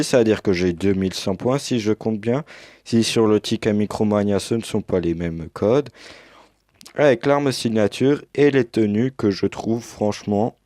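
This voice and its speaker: A man's voice: on the low side, a little mellow, no echo, clean studio sound. A young man casually commenting as he unboxes a game edition, hesitant with many fillers, recorded on a headset mic. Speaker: unboxing youtuber.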